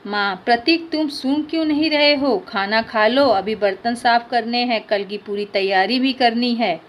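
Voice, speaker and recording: A woman's voice: on the high side, moderate pace, natural voice. A woman teacher voicing a caring mother calling to her son.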